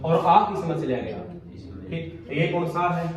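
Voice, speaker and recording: A man's voice: fairly high pitch, measured pace, a crowd in the background. A man teaching a grammar class, quizzing students and repeating his questions. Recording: echoey classroom, from far off.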